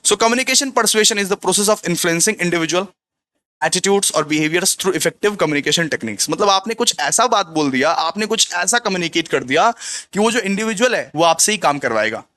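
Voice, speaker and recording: A high-pitched man giving a commerce exam revision lecture in a bright, dry-sounding voice. He repeats each point several times and poses rhetorical questions to the class before answering them. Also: animated, a little slow, no room sound. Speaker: commerce tutor.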